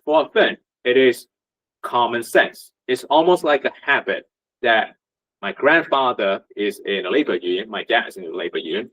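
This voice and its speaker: This meetup talk comes from a Vietnamese man acting as a union representative, his mid-range voice a bit bright. It's a conversational presentation heavy with fillers and rhetorical questions, in a muffled lo-fi recording.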